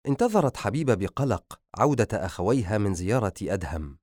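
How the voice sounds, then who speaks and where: Man, audiobook narrator, lowish voice, expressive. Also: no echo, clean studio sound.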